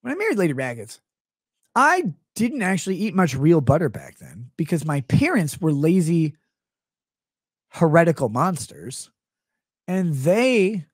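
A man with a high, lively voice rambles through a sarcastic comedic rant, jumping in and out of mock voices. He speaks close to a studio mic in a small home room, and the sound is dry and up front. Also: breathy edge, no room sound. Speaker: streamer host. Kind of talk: comedic live-stream rant. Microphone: close studio mic on stand.

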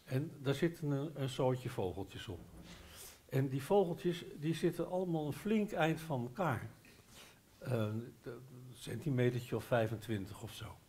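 An older Dutch man spins a lively, rambling story at a literary café, gesturing as he talks. He restarts his sentences and hesitates, then pushes on with real enthusiasm. He is miked on a headset on a bookshop stage. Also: mid-range voice, unhurried. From Netherlands. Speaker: guest author. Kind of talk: live literary café talk. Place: bookshop stage before a live audience. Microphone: headset mic.

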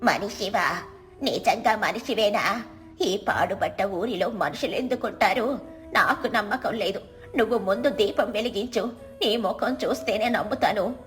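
A fretful old village woman, put on by a female storyteller, who keeps exclaiming in fear and worry. She speaks at a mid pitch, with faint music playing behind her, in a storybook manner. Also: measured pace, fairly bright tone, lightly acted. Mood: frightened. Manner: anxious, exclaiming. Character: frightened old village woman, fussy and talkative.

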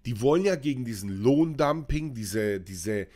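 A man's voice: medium pitch, lively intonation, a little slow, darkish tone. A man, ranting sarcastically in a casual opinion vlog, with lots of hesitations, recorded at a desk on camera. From Croatia. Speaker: vlogger and trucking company owner.

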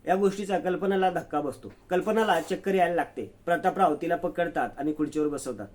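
A man's voice: brisk, a little mellow. A man retelling a TV serial episode as a story, narrating the scenes and speaking every character's lines himself. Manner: voices each character's quoted lines with raised pitch and emphasis. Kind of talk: storytelling recap reading all the characters' lines.

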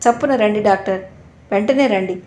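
A woman's voice: mid-range voice, moderate pace, a little mellow, slight background noise, lightly acted. Woman reading as a frantic worried father. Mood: frantic pleading. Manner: frantic, pleading. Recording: roomy echo.

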